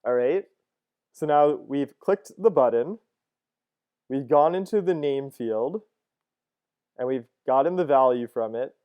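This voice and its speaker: Man, thirties, coding lesson, casual, thinks aloud, smooth resonant tone, desk mic. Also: medium pitch, animated, measured pace, pauses often, mellow. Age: 30s. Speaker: teacher. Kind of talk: screen-recorded coding lesson.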